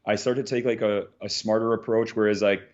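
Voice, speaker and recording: Low-voiced man with muffled sound. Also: level tone, fairly quick. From Canada. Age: 30s. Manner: rambling, full of filler "like"s and restarts. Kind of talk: casual podcast conversation.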